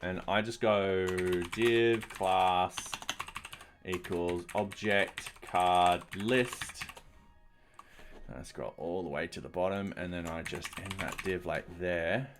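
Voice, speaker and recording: A man with a fairly low voice talks through his code as he writes it, in a loose, casual live-stream way. He narrates each small step to himself and drops the odd dry, sarcastic remark. Soft music and keyboard clicks sit faintly behind him. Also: slow pace. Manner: dry, mildly sarcastic asides. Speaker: streamer and software developer. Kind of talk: live coding commentary.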